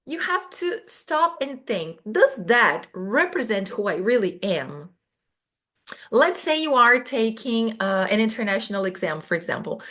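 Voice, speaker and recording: Chatty Brazilian woman teaching English. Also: fairly high pitch. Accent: Brazilian Portuguese. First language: Portuguese. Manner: chatty, lively, with many restarts and asides. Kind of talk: casual spoken lesson.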